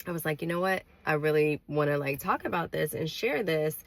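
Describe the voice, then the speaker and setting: A woman's voice: sits low, lively intonation, brisk, no room sound. A woman with a congested voice, under the weather, giving earnest, careful dating advice straight to her viewers with many fillers. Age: adult with a daughter. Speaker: vlogger. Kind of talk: casual advice to camera.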